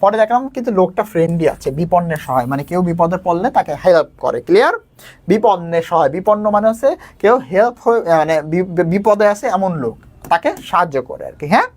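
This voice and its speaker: Fast-talking tutor, man. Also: high-pitched, lively intonation. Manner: casual, talks quickly, checks in with students often. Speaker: teacher. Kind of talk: exam lesson explaining a Bangla story.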